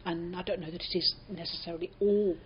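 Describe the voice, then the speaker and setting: In a lowish voice with a steady tone, an older woman with a British accent talks fast as she reminisces for an oral history interview. Her anecdotes are reflective, and she voices what people said to her. The recording is dull, muffled, and lo-fi.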